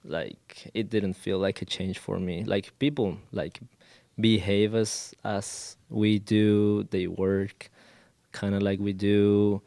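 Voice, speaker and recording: A young man from Colombia talks slowly and hesitantly in English, his second language, stopping often to find his words. His voice sits fairly low and sounds smooth and clear, and the recording is dry and close. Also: level tone, dark tone, no room sound. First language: Spanish. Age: 20s. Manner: hesitant, many fillers and restarts. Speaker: guest, college student. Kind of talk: casual interview.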